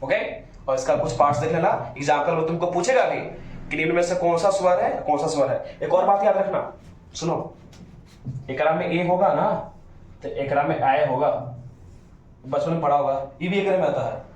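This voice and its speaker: In a very echoey room, a man with a voice on the high side teaches grammar at a normal speed. He lengthens vowel sounds to show them and draws his students out with questions.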